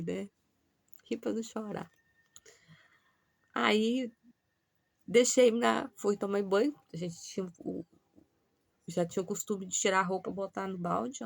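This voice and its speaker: A Brazilian woman recounts a personal story in a chatty, animated manner and talks directly to her listeners. Her mid-pitched voice has a gravelly edge. The sound is dry and close, with no echo. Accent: Brazilian Portuguese. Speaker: vlogger.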